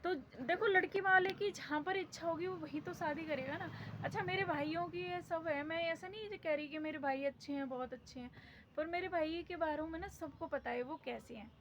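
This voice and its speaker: A woman's voice: very high voice, brisk, a bit bright. A woman vlogger telling a family quarrel in a chatty, rambling, aggrieved way, recorded in a small shop with customers around. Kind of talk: casual storytelling vlog. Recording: noisy background from a busy shop.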